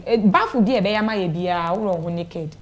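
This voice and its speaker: Her voice on the low side and her pace brisk, a young Ghanaian-accented woman gives a personal account as a studio interview guest, retelling conversations as she goes. She is a young adult, recorded by a clip-on lapel mic in a small indoor TV studio.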